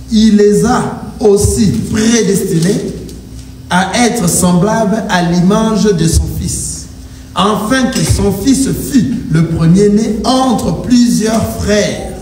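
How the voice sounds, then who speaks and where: A high-pitched, slightly mellow man leads a sermon as pastor, rhythmic and forceful, while worshippers call out amen in reply. The church hall echoes, and the distant mic adds faint noise.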